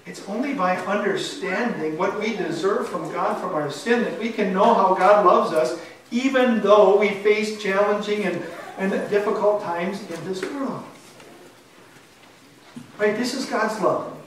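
Man, pastor, sermon, earnest, emphatic, high voice, echoey church, distant mic. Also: unhurried, slight background noise. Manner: earnest, emphatic preaching with rhetorical questions. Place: church sanctuary, indoors. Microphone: far camera.

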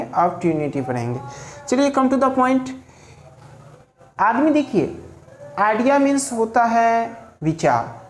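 A man teaching a spoken language lesson at home, asking rhetorical questions and repeating his key points. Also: sits high. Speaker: English teacher. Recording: roomy echo, faint ambient noise.

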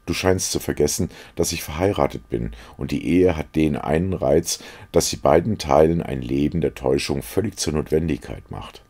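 A man's voice: very deep voice, normal speed, few pauses, darkish tone, breathy edge, heavily acted. A man reading aloud as a witty, cynical young aristocrat who talks in mocking epigrams. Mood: amused, teasing.

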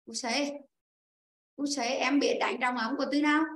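A woman's voice: sits high, steady tone, fairly quick, echoey room, a little hiss or hum. A woman teaching an online class, patiently explaining answers step by step and calling on pupils one by one. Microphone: video call.

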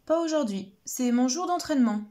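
A woman voicing a sporty frog in a storybook, making brisk excuses. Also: sits high, animated, warm tone, pitched above the performer's own voice. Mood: evasive. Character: sporty fibbing frog dodging a kiss.

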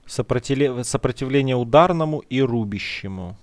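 A man of medium pitch gives animated, casual gameplay commentary with no room sound. Slangy and talking to viewers as "guys," he mutters to himself and lingers in drawn-out musing as he plays.

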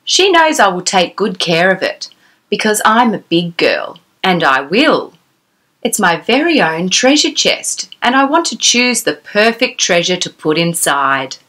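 In a small, decorated room indoors, a bright and animated woman reads stories aloud for young children. Her voice is on the low side and measured in pace, and she sounds exclamatory and sing-song as she asks the child questions.

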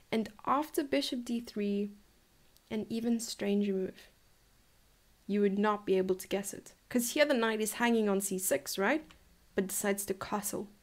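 A woman in her twenties from South Africa, coaching a chess lesson in a chatty, enthusiastic way from a room at home. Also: mid-range voice. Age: 20s. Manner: chatty, enthusiastic, laughs and muses aloud. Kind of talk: live-streamed chess lesson.

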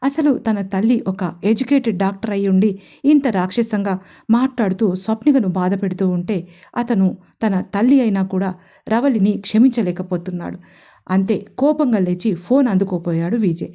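A woman reads her own written romance story aloud in a calm, steady narration. Her voice is mellow and warm, with a middle pitch. It is a spoken audio story. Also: normal speed. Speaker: writer and narrator.

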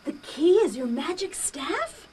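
A woman's voice: very high-pitched, big pitch swings, slow, exaggerated voice. A woman playing an earnest young cartoon princess in a sweet, girlish, pleading voice. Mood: wondering. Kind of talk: cartoon voice acting. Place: recording studio booth. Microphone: studio microphone. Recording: noisy studio session tape.

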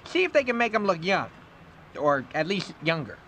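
A man's voice: high-pitched, sing-song, slight background noise, full character voice. A man voicing an upbeat, pushy male show director in a game. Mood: brisk. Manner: bright, brisk showbiz talk.

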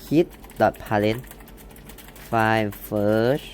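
Slow, low-voiced young man talking through code. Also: a little mellow, a little hiss or hum. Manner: thinks aloud while typing, reads code out word by word, self-corrects. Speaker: coding tutorial host. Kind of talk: casual screen-recorded coding lesson.

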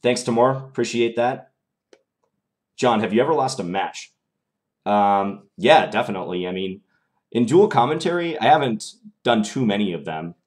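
Speaking at normal speed with a medium-pitched, expressive voice, a young man livestreams a chess game from a small indoor room at home. He talks through his moves as he goes, with a mild Minnesota accent.

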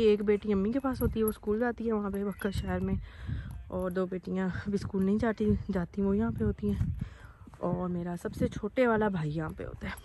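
Walking outdoors through open farm fields, a woman from Pakistan chats casually to the phone camera she holds for her vlog. Her medium-pitched voice has a dark tone and sounds a bit hoarse, and she is slightly winded and coughing.

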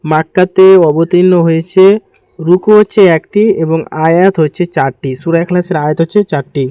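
A man teaching Quran recitation step by step, chanting verses slowly and patiently repeating syllables for learners. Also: on the high side, fairly even intonation, dark tone, clear, resonant tone, dry recording, poor audio. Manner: slow drawn-out chanting of verses between quick explanations.

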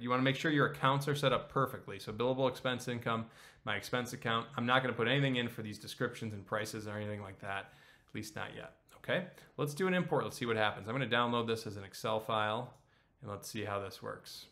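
A man in his thirties teaching accounting software on a screen share, casual and explanatory, often checking in with "okay?". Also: fairly low pitch, fast talker. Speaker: accounting instructor.

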